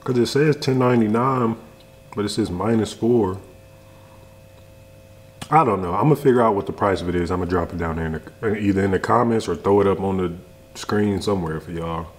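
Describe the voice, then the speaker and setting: Speaking briskly in a voice on the low side, a young American food reviewer and video host eats on camera in his home kitchen. His talk is casual, laid-back, and full of slang.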